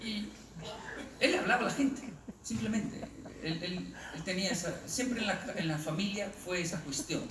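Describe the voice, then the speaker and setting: A man's voice: sits high, moderate pace. Guy doing a funny storytelling talk, jumps into voices, sounds far off in a noisy echoey room. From Colombia. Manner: animated, acts out quoted voices. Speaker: speaker. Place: lecture hall. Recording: roomy, distant and noisy live hall.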